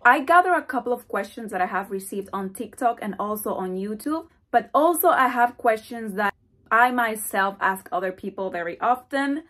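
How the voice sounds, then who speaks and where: A young woman from the Dominican Republic, a hair vlogger, chats in a casual Q&A vlog from her bedroom, her voice fairly high and her pace moderate. She's animated and gestures as she talks, filmed by a camera in close framing.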